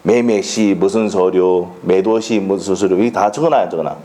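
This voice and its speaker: A man's voice: deep voice, normal speed, dark tone. A man with a Gyeongsang Korean accent giving a classroom law lecture, blunt and colloquial, constantly firing rhetorical questions and checking that students follow.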